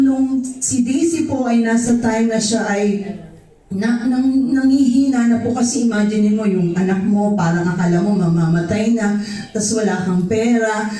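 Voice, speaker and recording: A woman's voice: on the high side, steady tone, measured pace, warm tone. A woman giving an earnest church testimony, mixing Tagalog with English. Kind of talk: emotional spoken testimony. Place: church hall. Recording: echoey hall from far off.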